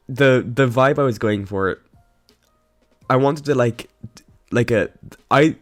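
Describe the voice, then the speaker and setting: A man with a hoarse, coughing voice gives a casual, rambling voice-over about a game build, with lots of ums, restarts and giggles. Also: mid-range voice. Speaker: game builder narrating a speedbuild. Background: faint background music.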